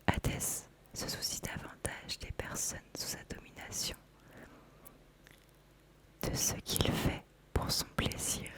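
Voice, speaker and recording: In this ASMR clip, a woman introduces an oracle card deck in a quiet whisper. Her delivery is calm and measured, with every phrase placed deliberately.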